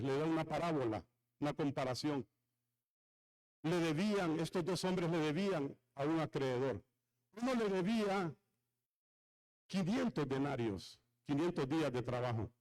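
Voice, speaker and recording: A male pastor preaching a sermon, retelling a story with dramatic swings and asking the congregation questions. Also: poor audio. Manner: lively pitch swings from high to low.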